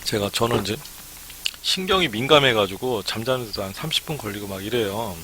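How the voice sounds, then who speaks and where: Bright-voiced man giving a live lecture. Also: lowish voice, lively intonation, brisk, slight background noise. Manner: chatty, frequent "ne" fillers. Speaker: academy startup consultant.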